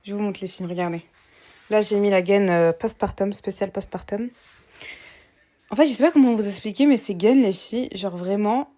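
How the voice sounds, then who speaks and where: Here a vlogger, young and recently a mother, talks casually to camera in her home, peppering her speech with fillers and calling viewers girls. Her voice is medium in pitch, dark in tone, and moderately paced, with a slight foreign accent in French. Faint noise and clicks sit in the background.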